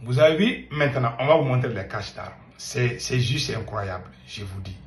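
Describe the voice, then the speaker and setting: A man's voice: medium pitch, expressive, moderate pace, echoey room, a little hiss or hum. A man hosting an online political news channel, talking to viewers in an emphatic, urgent way and repeating himself. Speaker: political commentator and channel host. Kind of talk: excited online news commentary.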